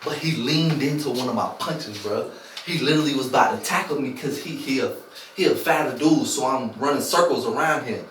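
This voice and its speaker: A man's voice: medium pitch, a little fast. A young man telling a prison story in a casual, slang-heavy chat, acting out the voices of the people in it. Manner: animated slang-heavy storytelling, acts out quotes. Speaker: former inmate telling a story. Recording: echoey room, mic at a distance, faint hiss.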